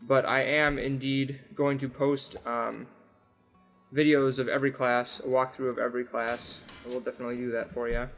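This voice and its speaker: A young man with a sick, croaky voice, hosting casual gameplay commentary and rambling with lots of ums and uhs. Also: medium pitch, a bit bright. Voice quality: rough, croaky voice. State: sick, under the weather. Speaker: gaming channel host.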